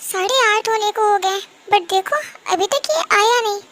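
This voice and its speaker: An anxious, sensitive young man, voiced by a woman in a fan-dub audio drama. He pleads and asks fretful questions. The voice sits very high, with faint noise behind it. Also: measured pace. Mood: impatient.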